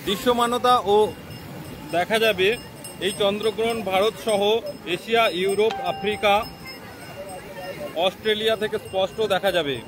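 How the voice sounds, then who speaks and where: On a windy beach, a man reports live news through his mobile phone, his high, steady voice competing with roaring waves, sea wind, and crowd noise. He tends to repeat points and hesitate as he explains.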